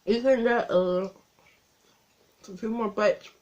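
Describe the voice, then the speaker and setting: Slow-talking woman with a burning mouth. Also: medium pitch, fairly even intonation, darkish tone, lo-fi sound. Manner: slow, breathy talk between bites, laughing at herself. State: mouth burning from spicy food. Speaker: vlogger. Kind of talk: casual vlog chat. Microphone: phone camera.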